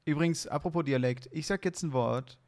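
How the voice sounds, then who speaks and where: A man's voice: a little high, brisk, darkish tone. Playful young man from Hesse. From Hesse, Germany. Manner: playful, laughing, restarts a lot. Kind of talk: casual chat.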